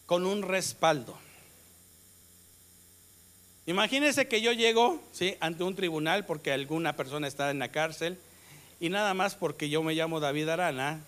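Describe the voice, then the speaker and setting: A man with a Mexican Spanish accent preaching a sermon, stressing his words and asking the congregation questions for them to answer back. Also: on the high side. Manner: call-and-response questions to the congregation; slow, emphatic delivery with sudden loud rises. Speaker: pastor.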